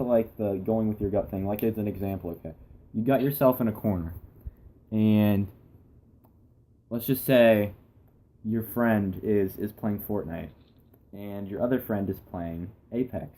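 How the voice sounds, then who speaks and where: A man's voice: fairly low pitch, a little slow, dark tone. A young man hosting a casual podcast, rambling through topics with a lot of restarts and laughter. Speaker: podcast host. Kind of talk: casual chat.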